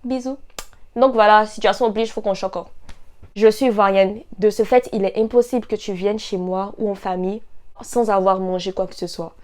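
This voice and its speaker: A woman's voice: mid-range voice, steady tone, normal speed, a little mellow. A young woman from Ivory Coast with an Ivorian French accent, talking to camera in a playful, teasing vlog monologue. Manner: playful, teasing, laughs between lines. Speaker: vlogger.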